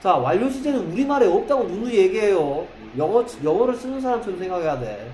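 A man with a slightly high voice teaches English grammar in a classroom, firing rhetorical questions at his students and drawing out English example sentences one word at a time. The room is echoey, with a faint hum behind him. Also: big pitch swings, fast, mellow.

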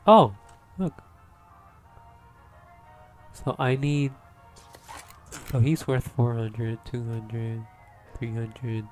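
A woman's voice: very deep voice, steady tone, very slow, long pauses, darkish tone, faint music behind. A woman playing a game and chatting casually, narrating her moves with frequent laughs. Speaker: gamer. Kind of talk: casual gaming chat.

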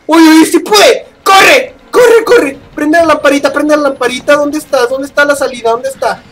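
A man's voice: very high-pitched, moderate pace. A young man with a Mexican accent giving horror gameplay commentary, shrieking in panic and swearing constantly. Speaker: gaming youtuber.

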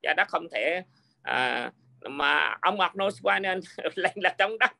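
A man's voice: sits high, lively intonation, unhurried, gravelly, pushed and bright. A man in casual political chat, speaking hesitantly with many fillers. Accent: Vietnamese-American.

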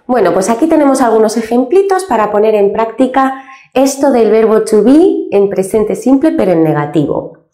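A woman from Spain teaching English grammar step by step, slowly and patiently spelling out each example. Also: mid-range voice, a little mellow, reverberant. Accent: Spain Spanish.

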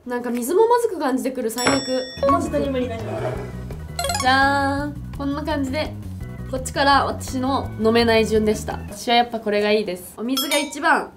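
A twenty-year-old woman chatting casually to camera as a vlog host, in a youthful, expressive, exclamatory and slangy way. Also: high voice, fairly quick. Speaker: video host. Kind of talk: casual vlog chat to camera while taste-testing. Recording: background music behind the voice. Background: music.

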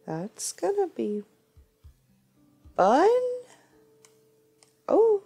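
A woman's voice: sits high, sing-song, very slow, vocal fry, warm tone, soft background music. A woman streamer giving playful, casual commentary on a game she is playing, with gasps, silly asides and the odd swear word. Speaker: gaming streamer.

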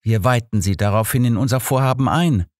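A man's voice: mid-range voice, a little fast, a little mellow, no echo, clean studio sound, natural voice. A man voicing an earnest young male pastor who justifies himself in an audiobook. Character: young male pastor, bitter, defensive confessor.

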